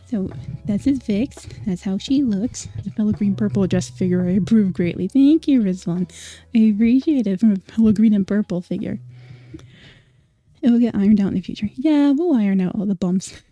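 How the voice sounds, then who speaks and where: A woman's voice: medium pitch, moderate pace, warm tone, dry recording, faint music behind. A woman from Scotland, a streamer chatting casually with viewers, chatty and apologetic with many fillers. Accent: mostly American-sounding, Scottish origin. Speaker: vtuber streamer. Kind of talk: casual livestream chat.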